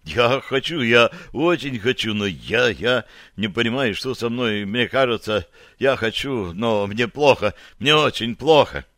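A man's voice: mid-range voice, lively intonation, a little slow, a bit bright, dry recording. A man voicing a frightened, dazed young soldier who answers eagerly in strained replies, in a dry recording.

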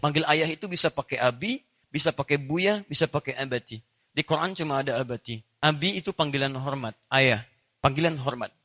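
A man preaching an Islamic study sermon, animated, quoting Arabic verses and putting questions to his listeners. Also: on the high side.

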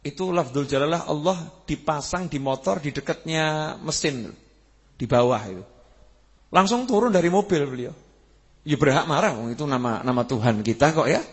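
A man preaching a sermon, animated, building to emphatic peaks and asking his listeners questions. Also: on the high side, normal speed. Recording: husky voice with long hall reverb.

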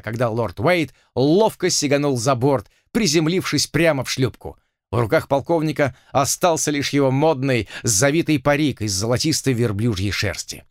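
Lively male audiobook narrator. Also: mid-range voice, no room sound, studio quality.

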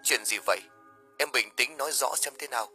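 A man voicing a worried young woman on the phone in an audio story, speaking in a hushed, hurried way. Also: medium pitch, slightly rough, faint music behind.

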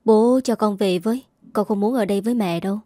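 A woman's voice: mid-range voice, quick pace, warm tone, no echo, clean studio sound, natural voice. A woman voicing a hurt, sulky young boy in a spoken story, pleading and accusing.

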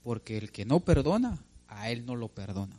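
Male pastor, mid-pitched, emphatic sermon delivery, talks straight to the congregation. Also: very animated, normal speed, warm tone. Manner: emphatic, questions the congregation and calls them brother. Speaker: preacher.

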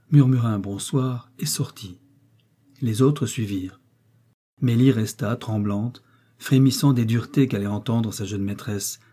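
A man reading a classic novel aloud as an audiobook narrator, in a measured, even storytelling manner. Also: mid-range voice, slightly rough. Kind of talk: scripted literary narration.

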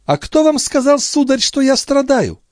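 A man's voice: very high voice, very animated, moderate pace, darkish tone, no echo, studio quality, voice pushed up. A man reading an audiobook, voicing a proud young noblewoman with a cold, mocking manner. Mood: haughty.

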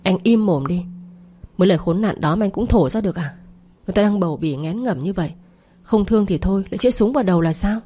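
A woman's voice: mid-range voice, lively intonation, fast, dark tone, husky. A woman voicing a scheming, pregnant young mistress who is snappish and bossy on the phone in an audio story.

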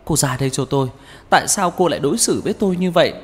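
A man's voice: on the high side, rapid-fire, pitched above the performer's own voice, lightly acted. Man voicing a frantic pregnant young woman. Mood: anguished shouting. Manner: pleading, stammering, frantic. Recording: reverberant with background music.

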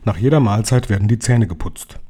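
A man reading as a gentle old grandmother. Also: fairly low pitch, fairly quick, husky. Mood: tender. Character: 86-year-old grandmother, calm, loving and wise. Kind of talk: audiobook reading.

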